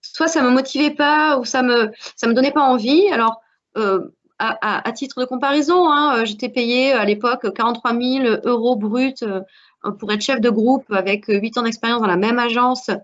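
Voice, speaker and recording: A woman's voice: a little high, normal speed. French woman with dull lo-fi sound. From France. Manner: earnest, many hesitations. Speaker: alumna guest. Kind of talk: panel discussion. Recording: dull lo-fi audio.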